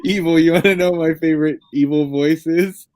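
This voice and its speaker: A man's voice: a little high, fairly even intonation, normal speed, a little mellow, no room sound, clean studio sound. A man chatting playfully on a stream and asking the others silly questions. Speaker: stream participant. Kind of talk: casual chat.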